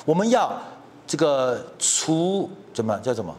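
A middle-aged man delivers heated, mocking political commentary, constantly asking "you know?" to check that his listeners follow. His voice is a little high and a little mellow, with big pitch swings at a measured pace and a little hiss or hum.

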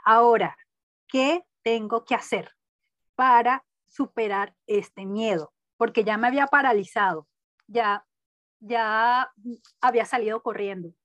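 A young woman telling a personal story in conversation, animated, laughing often and acting out her own inner voice. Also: fairly high pitch, unhurried, no room sound. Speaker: guest.

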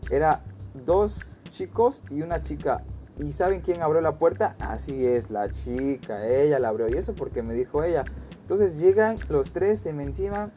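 A man with a Mexican accent telling a story casually, in an animated way, with a lot of crude slang. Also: on the high side, moderate pace, soft background music. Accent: Mexican Spanish.

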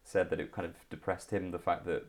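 A man's voice: sits low, little pitch movement, fairly quick, darkish tone. A man in his thirties from Liverpool with a Liverpool accent, talking casually as an interview guest with many ums and restarts. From England. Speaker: guest, comedian.

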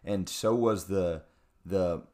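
A young man telling a travel story in casual chat, animated, with many fillers and restarts. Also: low-pitched, slow.

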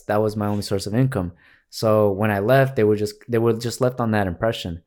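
A young man in casual conversation, telling stories animatedly, acting out quotes loudly and swearing freely. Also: on the low side. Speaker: guest, video editor. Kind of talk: casual podcast chat.

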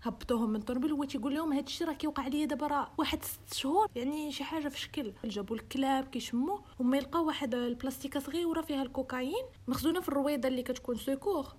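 A woman's voice: sits high, very fast, hardly any pauses, darkish tone. A young woman with a Moroccan accent telling a true-crime story in casual chat, switching into English and acting out the quoted dialogue. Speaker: host.

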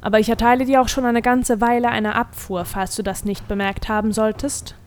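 A woman's voice: a little high, little pitch movement, brisk, soft background music, natural voice. A woman voicing a defiant, proud young woman who speaks curtly and coldly. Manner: curt, defiant.

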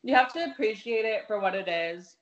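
A woman's voice: medium pitch, lively intonation, brisk, muffled recording. A woman co-hosting a podcast in casual chat, informal and exclamatory, with easy swearing. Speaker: podcast co-host.

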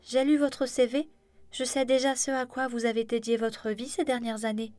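A woman plays a sharp, elegant businesswoman who hands out decisions without waiting for an answer. The voice sits higher and pushes louder than the storyteller's own, clipped and detached. Faint music runs behind her. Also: level tone, dry recording, lightly acted. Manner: brisk, commanding, detached.

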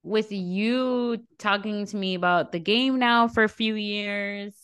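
A woman's voice: mid-range voice, a bit bright, clean tone, no echo. Opinionated woman with a dry sound. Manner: opinionated, quick to joke and laugh. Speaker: podcast co-host. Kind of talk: casual movie chat.

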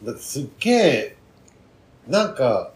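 A man's voice: medium pitch, sing-song, unhurried, reverberant, a crowd in the background. A man hosting a casual podcast chat, laughing often and joking playfully. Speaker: podcast host.

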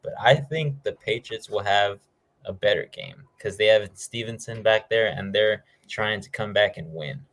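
Low-voiced man hosting casual football talk. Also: moderate pace, fairly bright tone. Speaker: host of a football picks show. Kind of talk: casual sports talk, game predictions.

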